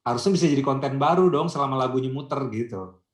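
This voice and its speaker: A man's voice: medium pitch, fast, echoey room. A man speaking as a guest on a radio-industry video call, chatty and explaining through anecdotes and rhetorical questions. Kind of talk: casual conversational discussion.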